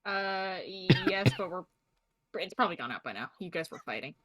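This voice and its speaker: A woman's voice: lowish voice, expressive, normal speed, crowd noise. A woman narrating as game master for a tabletop game, hesitant and full of fillers.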